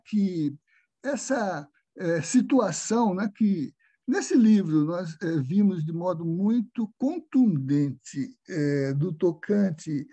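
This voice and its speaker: Slow, halting older male lecturer. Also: high voice, dark tone, slightly rough. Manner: slow, hesitant, many fillers. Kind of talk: academic lecture.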